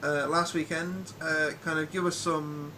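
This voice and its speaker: A man's voice: on the high side, level tone, a little slow, pushed and bright, slight background noise. A man hosting a casual live chat, rambling with plenty of ums and restarts. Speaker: podcast host.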